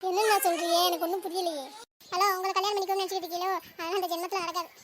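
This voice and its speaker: Brief: woman playing a mouthy young cartoon wife, very high, even-pitched, rattling her lines off quickly. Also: noisy background. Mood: teasing. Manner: fast, teasing, talkative. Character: chatty young wife Meena, sharp-tongued and sulky.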